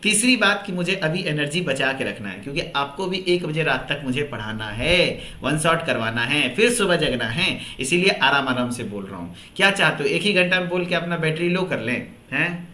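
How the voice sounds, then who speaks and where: Man, tutor, tired, chatty exam-prep lecture, bright tone, roomy echo. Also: fairly high pitch, expressive, moderate pace. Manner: conversational teaching, repeats answers as questions to the class. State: tired after a full day of work. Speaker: pharmacy teacher.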